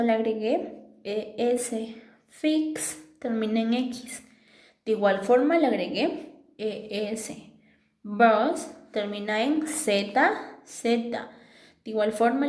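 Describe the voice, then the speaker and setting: Slow, patient woman teacher, echoey room. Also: fairly high pitch, darkish tone. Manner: patient, repeats rules, checks understanding with "¿verdad?". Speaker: English teacher. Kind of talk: classroom grammar explanation.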